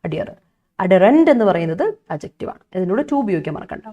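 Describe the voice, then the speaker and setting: A woman's voice: on the low side, big pitch swings, quick pace, dark tone, muffled recording. A young woman with a Malayali accent teaching English vocabulary in an online exam-prep lesson, chatty and coaxing, repeating key points.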